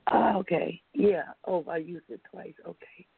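A woman calling in to a radio show, her voice thin and tinny like through a tin can phone, talking in a halting way as she searches for words. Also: lowish voice, gravelly, breathy edge, no echo. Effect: tinny phone sound, like a tin can phone. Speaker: caller. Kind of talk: call-in poetry reading.

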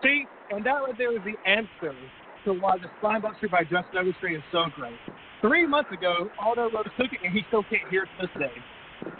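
A hissy, narrow phone connection carries a high male voice. He is a wrestler trading promo trash talk, cocky and mocking, tossing out wisecracks as he goes. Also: big pitch swings, brisk. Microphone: phone call. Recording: noisy, hissy, tinny phone line.

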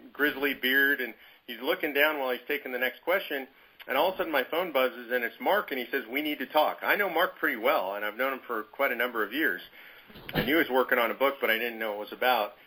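A man's voice: mid-range voice, pushed and bright, husky, low-quality recording. A man telling a personal story to his movement's leaders on a conference call, in a conversational, emphatic way. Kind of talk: storytelling anecdote.

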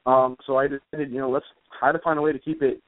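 Speaking at a quick pace in a level, mid-range tone, this comic author and musician rambles a bit while being interviewed informally. The line sounds tinny, and there's no room sound at all.

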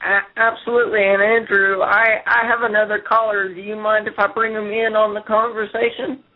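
A man hosts a relaxed call-in radio show through a speakerphone, so his voice comes through thin and tinny. His voice sits high for a man, and he talks loosely with plenty of fillers and halting pauses. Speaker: internet radio host. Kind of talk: casual call-in show hosting.

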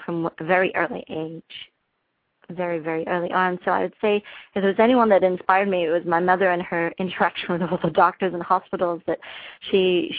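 A woman from England, a family physician, talking earnestly in an interview with many pauses and ums. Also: lowish voice, no room sound. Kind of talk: casual interview talk. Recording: dry, phone-like narrow sound.

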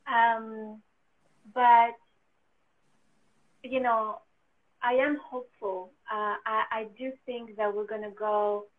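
A French woman with a fairly high voice and a French accent joins a casual conversation as a guest, speaking slowly in a level tone with long pauses. She laughs often and sounds hopeful and full of faith. The audio is thin and narrow, like a phone line.

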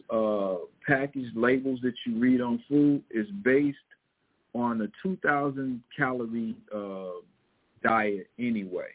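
A man with a Missouri twang giving casual, motivational coaching advice in a folksy, emphatic way, repeating his key points. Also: medium pitch. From Missouri, United States. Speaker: fitness and weight loss coach. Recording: thin phone-like audio.

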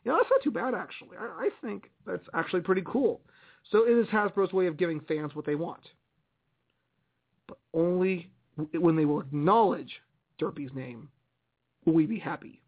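A high-pitched man gives casual news commentary as a radio host. He is chatty and muses aloud, and the audio is narrow and tinny like a phone line. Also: animated, moderate pace, pauses often, breathy edge. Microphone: internet radio broadcast.

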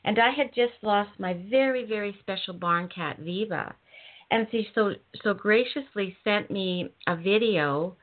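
A woman hosts an interview and gushes about her guest, filling her talk with ums and false starts. Her voice sits at an everyday middle pitch. The sound is narrow and tinny, like a phone line. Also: measured pace. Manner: gushing, with many ums and restarts. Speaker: host. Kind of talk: casual interview chat.

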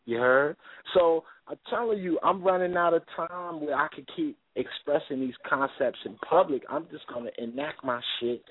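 A man's voice: fairly high pitch, normal speed, husky, no room sound. A man in his thirties, a guest on a radio show, talking boastfully in profane street slang. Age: 30s. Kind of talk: casual radio talk. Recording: phone-line call-in audio.

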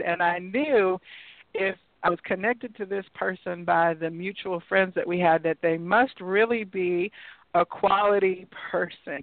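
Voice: medium pitch, no echo. A talk show host whose audio keeps cutting in and out over a weak connection, welcoming the audience and a guest. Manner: warm welcoming, promotional. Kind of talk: online talk show hosting. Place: traveling, on Wi-Fi. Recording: choppy thin phone-like online call.

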